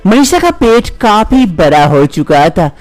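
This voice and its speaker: A man narrating a cartoon story in a plain, even storytelling style. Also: high voice, a little slow.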